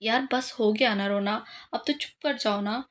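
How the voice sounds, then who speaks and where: A gentle, affectionate young wife, shy with her husband, from an audiobook romance, read by a woman. The voice is bright and fairly high, in the reader's own everyday tone. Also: unhurried, natural voice.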